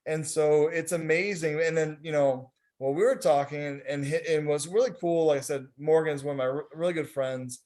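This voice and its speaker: A man's voice: on the high side, moderate pace, hardly any pauses, a little mellow. A man leading a focus group discussion, talking casually and rambling with many fillers over a video call. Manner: rambling, heavy on fillers like "you know".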